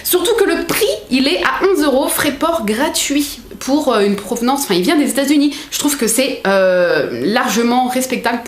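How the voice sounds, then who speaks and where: A young woman chatting as a book vlogger, excitable and full of fillers. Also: sits high, normal speed, hardly any pauses. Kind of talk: casual unboxing chat. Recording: echoey room.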